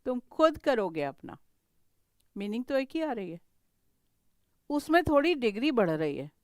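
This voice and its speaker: A woman's voice: a little high, very animated, a little slow, dry recording. A middle-aged woman with an Indian English accent teaching a grammar lesson. She mixes Hindi and English and keeps checking whether her students understand.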